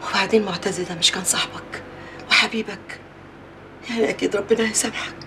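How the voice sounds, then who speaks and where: A woman's voice: medium pitch, steady tone, quick pace, background noise, natural voice. An actress playing a pious mother consoling her son, speaking with an Egyptian Arabic accent in a soothing, pleading manner. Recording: TV drama audio with music score.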